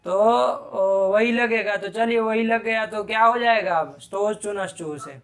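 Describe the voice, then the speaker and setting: A male teacher with a high voice and fairly bright tone runs a live Sanskrit grammar lesson, firing quick questions at students and sharply rebuking incorrect replies.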